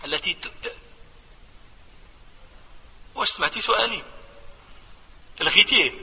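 A man with a Moroccan Arabic accent who teaches a class and explains by quizzing his listeners. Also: high-pitched. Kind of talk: classroom discussion. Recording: tinny phone-like sound in echoey hall.

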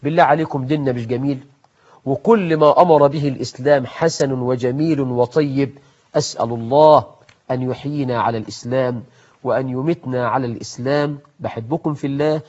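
A male preacher with an Egyptian Arabic accent, giving a sermon full of acted-out dialogue and swings between loud and hushed. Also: medium pitch, brisk. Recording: dull lo-fi recording.

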